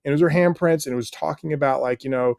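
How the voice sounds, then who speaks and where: An American stay-at-home dad in middle age appears as a podcast guest, rambling earnestly through a casual interview with plenty of fillers. His voice runs on the high side, racing and creaky yet a little mellow. The sound is clean studio audio with no echo.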